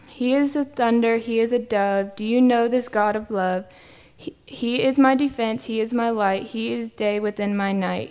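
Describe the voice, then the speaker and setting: A woman delivers a devotional spoken-word poem in a rhythmic, rhyming cadence. Her voice is a little high, smooth and resonant, with a darkish tone.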